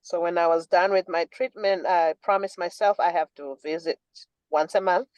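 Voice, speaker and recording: A woman's voice: on the low side, steady tone, normal speed, darkish tone, dry recording, low-quality recording. A woman from Zimbabwe calling into an online meeting, enthusiastic and chatty. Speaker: caller. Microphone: video call.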